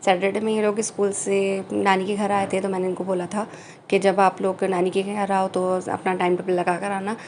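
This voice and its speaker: A woman in her thirties narrating a family vlog in a chatty, easygoing way, with frequent fillers and pauses. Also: medium pitch, level tone, darkish tone, slight background noise. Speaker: family vlogger. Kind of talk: casual voice-over narration.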